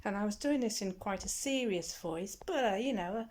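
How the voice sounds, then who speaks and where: A woman's voice: mid-range voice, expressive, normal speed, darkish tone. A middle-aged woman, a shop security guard, talking casually and candidly to her vlog viewers. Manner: chatty, candid, rambling.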